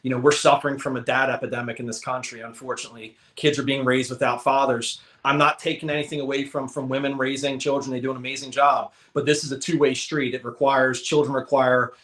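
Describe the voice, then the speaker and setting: An American man giving an emphatic, energetic motivational talk, repeating his points for emphasis. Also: mid-range voice, fast, hardly any pauses, echoey room. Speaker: motivational speaker. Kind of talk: live presentation talk.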